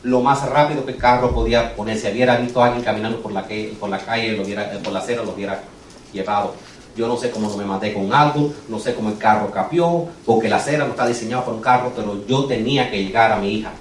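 A man's voice: lowish voice, steady tone, fast talker, roomy sound, far from the mic, a little hiss or hum, poor audio. A man preaching a sermon, telling a personal testimony with earnest, urgent storytelling. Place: church sanctuary.

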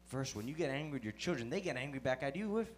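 A man's voice: medium pitch, animated, fairly quick. A man interpreting a sermon live, following the preacher line by line with some restarts.

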